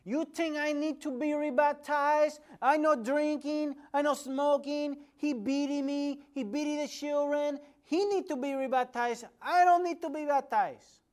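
A man's voice: fairly even intonation, unhurried, hardly any pauses, darkish tone. A man voicing an upset, defensive woman who blurts out her words in broken English. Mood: indignant outburst. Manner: shrill, broken English, indignant outburst.

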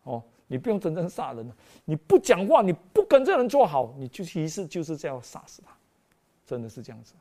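A preacher giving an animated sermon in an exclamatory style, full of rhetorical questions put to the congregation. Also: medium pitch, brisk.

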